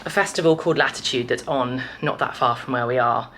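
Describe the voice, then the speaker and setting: A woman's voice: extremely low pitch, a little fast, a bit bright, slight background noise. A woman of about thirty chatting casually to camera in a vlog, rambling and friendly with light laughs. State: a bit out of breath. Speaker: vlogger. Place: a house indoors.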